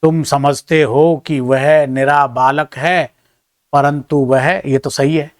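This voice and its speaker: In a steady tone and taking it slowly, a male teacher with a somewhat higher voice goes through an exam answer key, reading each option out before delivering his verdict. He offers modest, chatty, self-deprecating remarks to his students between answers, and the close, dry audio has no room sound.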